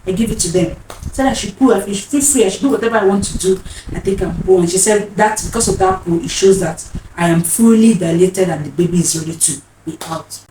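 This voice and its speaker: A woman's voice: medium pitch, a little fast, dark tone. A woman, telling a personal story in an earnest, emotional way and often repeating her phrases. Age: 30s. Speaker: vlogger. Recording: roomy, distant mic, faint noise.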